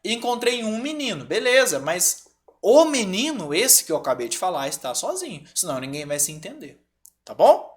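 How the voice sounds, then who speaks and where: A Brazilian man teaching a grammar class online, lively and often checking in with his students. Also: high-pitched, normal speed. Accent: Brazilian Portuguese.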